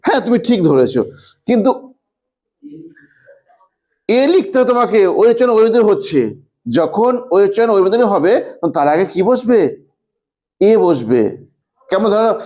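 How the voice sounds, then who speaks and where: A male English grammar teacher giving an online class, coaxing students with questions and repeating phrases slowly as he writes. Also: high voice, darkish tone. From West Bengal, India. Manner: repeats phrases slowly while writing on a board.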